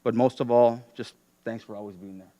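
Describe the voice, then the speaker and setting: A man's voice: mid-range voice, fairly even intonation, fairly quick, dry recording, muffled recording. A man giving a prepared farewell speech as a city commissioner, formally and with personal asides. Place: city council meeting.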